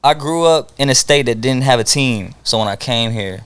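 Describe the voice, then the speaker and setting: A young man from Hawaii, a guest rapper in a casual interview, laid-back and quick to laugh. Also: mid-range voice, a bit bright, clean tone, no room sound.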